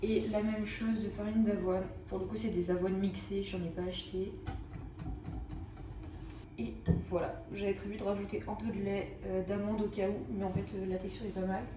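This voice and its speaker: A woman's voice: medium pitch, little pitch movement, moderate pace, background noise. A young woman talking casually and enthusiastically to viewers as a book and food vlogger, in an informal, slangy way. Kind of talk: casual chatty vlog to viewers.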